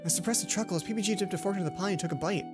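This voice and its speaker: In a let's play, a woman reads a visual novel aloud at a racing pace, her voice medium in pitch. She sprinkles in chatty, playful comments, with music behind her.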